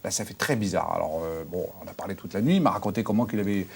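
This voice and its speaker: An actor playing a brash, crude fairground owner who claims to speak with the dead, talking in loud slang that jumps into high squeals. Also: male voice, fast, creaky, husky, exaggerated voice. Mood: rowdy. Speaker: talk show guest claiming to speak with the dead. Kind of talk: sketch comedy acting.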